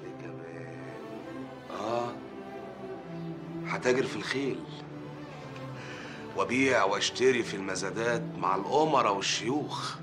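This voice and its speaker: A man's voice: fairly low pitch, normal speed, pauses often, over music, close to an everyday voice. A man playing a scornful Egyptian braggart. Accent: Egyptian Arabic. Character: boastful man scornfully mocking a friend. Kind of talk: film acting.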